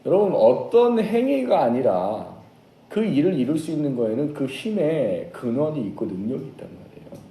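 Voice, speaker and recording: Lively man preaching in an echoey church. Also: fairly high pitch, moderate pace. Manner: lively storytelling, acts out quoted shouts. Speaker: pastor. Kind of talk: sermon. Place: church sanctuary.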